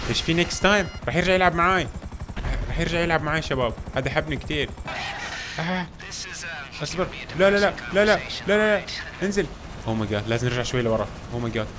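A young man giving excitable gameplay commentary, talking straight to his viewers. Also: medium pitch. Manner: fast, excitable, talks to viewers as "guys". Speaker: gaming YouTuber.

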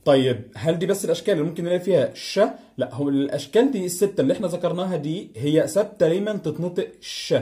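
A man's voice: fairly high pitch, rapid-fire, few pauses, mellow. A man speaking Egyptian Arabic, teaching English pronunciation and repeating each example word several times. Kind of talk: online pronunciation lesson.

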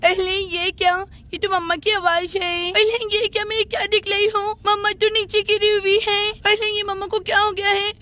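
A woman's voice: extremely high pitch, little pitch movement, moderate pace, hardly any pauses, bright, forceful tone. A woman playing an anxious little girl. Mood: worried. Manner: anxious, pleading. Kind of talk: doll-play storytelling.

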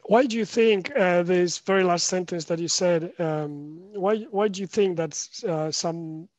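A man's voice: high voice, a little slow, darkish tone, no echo. A young man hosting a video call interview, asking questions hesitantly with many fillers. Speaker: podcast host. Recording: dull dry call audio.

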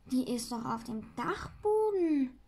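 A woman's voice: high-pitched, sing-song, slow pace, a little mellow, breathy edge, exaggerated voice. A woman doing the pert little Sams. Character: cheeky childlike creature Sams.

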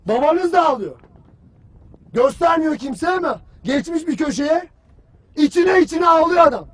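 A man's voice: extremely high pitch, expressive, normal speed. An actor playing a stern army commander who barks harsh, taunting words at his soldiers in a film drama. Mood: grim lecture.

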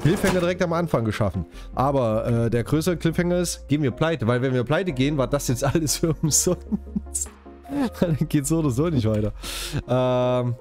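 Gaming YouTuber, man from Saxony, lively pitch, light music behind. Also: normal speed. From Saxony, Germany. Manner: chatty, jokey, talks straight to viewers. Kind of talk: casual let's-play commentary.

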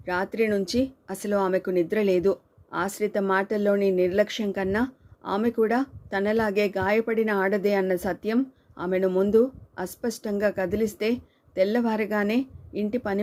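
A woman's voice: medium pitch, a little mellow. A woman reading a novel aloud as audiobook narration, shifting her voice slightly for the characters' dialogue. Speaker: storyteller.

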